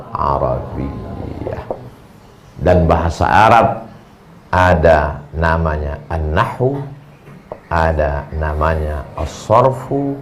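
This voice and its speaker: A man preaching a humorous sermon to students, animated and jokey, reciting word lists in sing-song runs. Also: extremely low pitch, a little hiss or hum.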